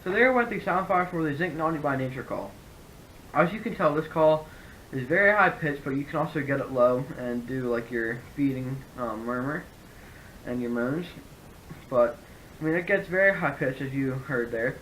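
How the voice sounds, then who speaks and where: Man, casual gear review, rambling and self-correcting, mid-pitched voice, background noise with low rumble. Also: normal speed, a bit bright, poor audio. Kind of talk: casual product review to camera.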